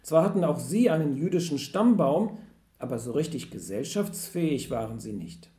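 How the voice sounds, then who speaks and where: Male preacher, slightly higher voice, mellow, explanatory sermon, room echo. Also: expressive, moderate pace. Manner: explanatory, varied emphasis. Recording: roomy echo.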